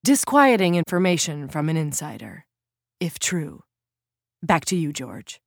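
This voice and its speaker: A woman's voice: low-pitched, very animated, unhurried, creaky, dry recording, studio quality, exaggerated voice. A woman voicing a glamorous TV field reporter. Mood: formal.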